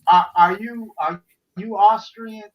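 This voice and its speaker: High-voiced man on dull lo-fi audio. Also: fairly even intonation. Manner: halting, repeats words. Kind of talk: casual chat. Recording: dull, lo-fi online call audio.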